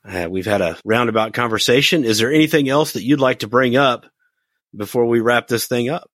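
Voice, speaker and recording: A man's voice: mid-range voice, a little fast, a bit bright. A man hosting a casual interview, mostly giving short, encouraging replies and asking questions. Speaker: interview host.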